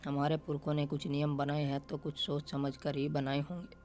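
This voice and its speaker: A woman's voice: low-pitched, monotone, normal speed, a little mellow, lightly acted. A man voicing a stern, traditional older mother-in-law in a storybook reading, scolding and insistent.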